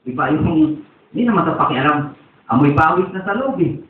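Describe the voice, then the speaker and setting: A man's voice: on the high side, big pitch swings, a little fast, slight background noise. A man preaching in a church, telling a rambling personal testimony as a sermon. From Philippines. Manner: rambling storytelling. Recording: tinny echoey distant church recording.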